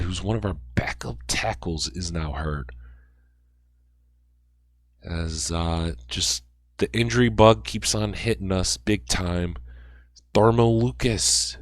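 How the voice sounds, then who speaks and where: Young male gamer, low voice, dry close mic, calls plays like a sportscaster and rambles. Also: no room sound. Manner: excited sportscaster-style calls, rambling asides. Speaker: gaming YouTuber. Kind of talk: play-by-play commentary over a video game.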